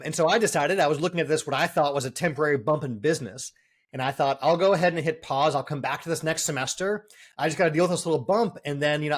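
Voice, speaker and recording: A man in his forties from the Boston area, a guest on a podcast, telling his story in a quick, chatty way. His voice sits a little high for a man, and his sentences are full of casual fillers. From Boston area, US East Coast. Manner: fast-talking, storytelling, many fillers. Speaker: entrepreneur guest. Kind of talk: casual interview.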